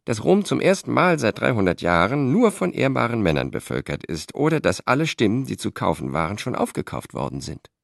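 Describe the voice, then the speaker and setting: A man voicing a squeaky-voiced male Roman informant in an audiobook, with a piping voice. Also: very animated, brisk, gravelly, hardly any pauses, no room sound, studio quality. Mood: wry.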